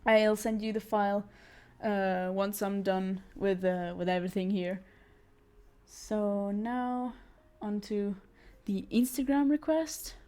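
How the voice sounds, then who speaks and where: Drawing on stream, a young artist chats casually and rambles, with plenty of fillers, stumbling restarts and laughs. Her medium-pitched voice is dark and steady, and she takes it slowly.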